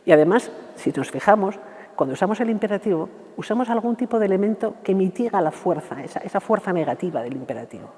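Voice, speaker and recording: A woman's voice: mid-range voice, lively intonation, fast talker, darkish tone, in a large hall. A woman, a university researcher answering interview questions in a didactic way and acting out example phrases. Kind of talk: explanatory radio interview answers.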